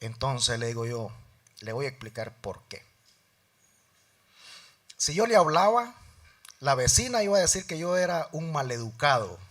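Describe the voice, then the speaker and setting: A middle-aged man preaching a sermon in church, telling a personal story and acting out both sides of the dialogue, swinging between loud emphasis and soft, low asides. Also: very animated, moderate pace, pauses often. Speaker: lay preacher.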